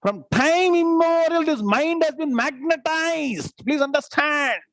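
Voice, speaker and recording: A man's voice: extremely high pitch, measured pace, fairly bright tone, no room sound. A man with a South Indian accent, a native Tamil speaker, giving a live scripture lecture as a spiritual teacher, repeating phrases and checking understanding with questions.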